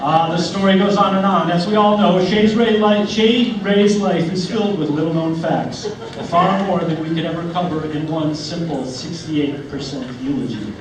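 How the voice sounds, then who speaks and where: A man's voice: on the high side, moderate pace, hardly any pauses. A man delivers a tongue-in-cheek eulogy as a speech, telling tall stories with mock solemnity. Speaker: speaker giving a comic eulogy. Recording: echoey, noisy room, distant mic.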